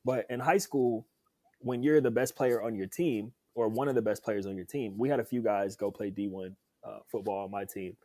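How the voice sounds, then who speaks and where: A man's voice: fairly low pitch, fairly even intonation, moderate pace, darkish tone, no echo. A young man, a podcast guest and former football player, telling his story in an upbeat, chatty way. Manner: upbeat, chatty, laughs easily. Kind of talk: casual interview storytelling.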